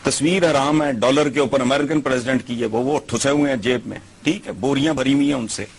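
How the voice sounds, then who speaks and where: A man's voice: medium pitch, fairly quick, slightly rough. A man giving scornful opinion commentary, lecturing with rhetorical questions.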